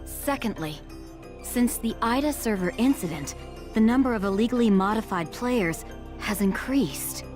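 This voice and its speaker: In a game cutscene, a woman voices a composed, businesslike female agent who delivers briefings crisply and matter-of-factly. Her natural, mid-pitched voice is animated at a normal speed, with faint music underneath.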